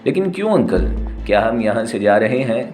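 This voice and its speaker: A man reading a frightened young girl's lines in an audio story, in a soft, pleading voice, with soft music underneath. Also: medium pitch, very animated, lightly acted. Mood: puzzled. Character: young girl, innocent and frightened.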